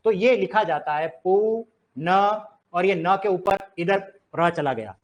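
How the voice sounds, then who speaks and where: A Hindi teacher with a strikingly high voice conducts a classroom lesson at a slow pace. He fires off rhetorical questions constantly and drills his students to read every word aloud.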